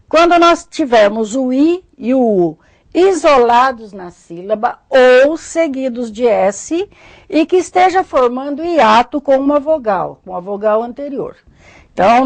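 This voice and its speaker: A woman with a Brazilian Portuguese accent giving a recorded grammar lesson, methodically explaining rules and spelling out example words slowly. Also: a little high, creaky, no echo. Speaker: Portuguese teacher.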